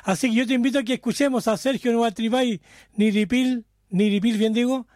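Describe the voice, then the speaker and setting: A man hosting a live community radio show, greeting listeners over and over and firing off quick questions. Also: extremely high pitch, fairly even intonation, darkish tone, no room sound, studio quality. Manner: effusive, repeats greetings, rapid-fire questions.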